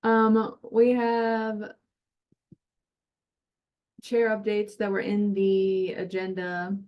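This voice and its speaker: A woman's voice: medium pitch, little pitch movement, extremely slow, highs cut off. A woman chairing a meeting, giving updates in an informal way.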